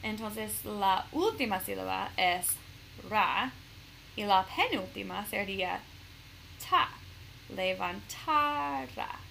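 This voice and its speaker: A woman teacher with a gravelly, creaky voice who talks slowly and carefully. She reads a storybook to her students, stops often to explain verb forms and stress, and fills pauses with "um". A faint hiss sits behind her. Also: mid-range voice, animated, pushed and bright, rough recording. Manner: slow, careful explanations with fillers. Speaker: Spanish teacher. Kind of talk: reading a storybook aloud and explaining grammar.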